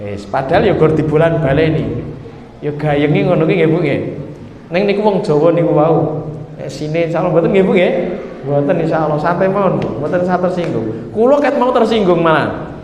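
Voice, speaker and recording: A man's voice: a little high, animated, moderate pace, a little mellow. A man with a Javanese accent preaching a sermon in a joking, chatty way, often turning to the audience. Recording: echoey hall with faint noise.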